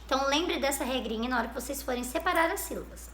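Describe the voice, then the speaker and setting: Bright sing-song Brazilian woman teacher. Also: high-pitched, quick pace, slight background noise. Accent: Brazilian Portuguese. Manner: patient, sing-song teacherly, stretching out syllables and praising. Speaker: primary school teacher. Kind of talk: recorded remote lesson for young children. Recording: roomy echo.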